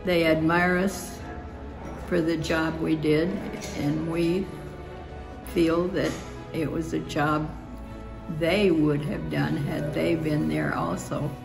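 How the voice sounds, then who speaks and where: Elderly woman, gravelly lowish voice, slow and reflective. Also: flat delivery, music in the background. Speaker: interviewee, former welder. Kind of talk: personal testimony.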